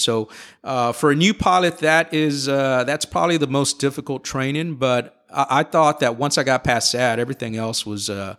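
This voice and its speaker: A middle-aged man, appearing as an airline captain guest in a casual interview, talks through his flight training. He explains patiently and in a relaxed manner, pausing on "uh" and "um" and restarting sentences along the way. His voice has an ordinary middle pitch and a clean tone.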